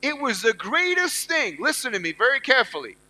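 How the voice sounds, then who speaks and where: A man's voice: very high-pitched, big pitch swings, fairly quick, sharp tone, rough recording. A middle-aged man giving a motivational speech to students at a university event. He talks emphatically and repeats his key phrases. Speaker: motivational speaker.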